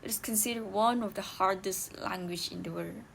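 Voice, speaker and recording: Young woman student, casual explainer, mid-pitched voice, faint background hiss. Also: normal speed, gravelly, poor audio. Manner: casual, explains with many "like" fillers. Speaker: student presenter. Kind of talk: recorded class presentation.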